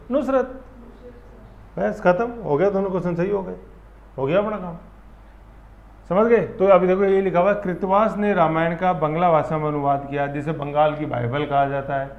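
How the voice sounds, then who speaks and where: A man teaching an exam-prep class, lively and full of memory tricks, often checking that students follow. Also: sits high. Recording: roomy, dull lo-fi classroom sound.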